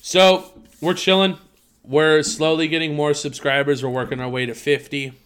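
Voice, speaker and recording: Male podcast co-host, slightly high voice, casual banter full of hyped bro slang and swearing. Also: little pitch movement, moderate pace, fairly bright tone, a little hiss or hum.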